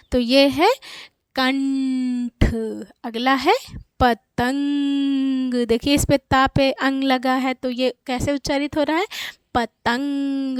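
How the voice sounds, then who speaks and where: A woman giving a Hindi lesson, slowly drawing out each example word for the listener to repeat. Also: high voice, clean tone, dry recording, clean studio sound. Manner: drawn-out, slow enunciation of example words. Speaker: Hindi teacher. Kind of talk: teaching children's Hindi lesson.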